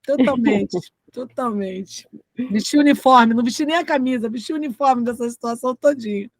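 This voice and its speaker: High-voiced laughing Brazilian woman. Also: quick pace, no echo, clean studio sound. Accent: Brazilian Portuguese. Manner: laughs often, lively storytelling. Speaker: study group member. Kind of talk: casual chat.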